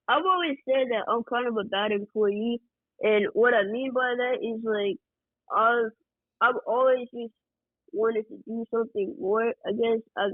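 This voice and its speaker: A man from Georgia, a guest music producer, chatting casually in a relaxed, rambling way full of fillers. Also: very high-pitched, dry recording. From Georgia, USA. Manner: relaxed, rambling, many fillers like "like" and "you know". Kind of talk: casual interview chat. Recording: tinny phone-line sound, dry.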